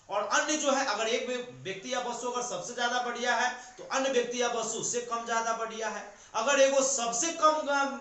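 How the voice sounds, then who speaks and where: A man's voice: very high-pitched, sharp tone. A man teaching a grammar lesson to a class, explaining step by step and answering his own questions. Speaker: English teacher. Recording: very echoey room.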